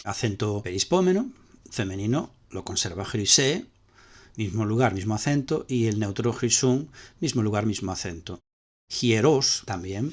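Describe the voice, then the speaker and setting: A man with a Spanish accent teaching ancient Greek grammar step by step, repeating key points as he explains slides. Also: fairly low pitch.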